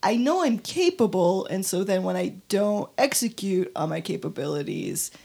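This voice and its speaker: A woman's voice: medium pitch, big pitch swings, normal speed, creaky, mellow, slightly rough. A young woman hosting a casual podcast, chatting loosely and laughing often between thoughts. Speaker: podcast host.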